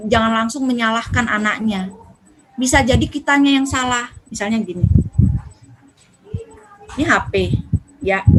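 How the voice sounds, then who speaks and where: A woman's voice: fairly high pitch, slight background noise, low-quality recording. A woman giving a religious talk to parents, acting out the things parents say to their children. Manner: lively, acts out quoted dialogue with children. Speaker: parenting speaker.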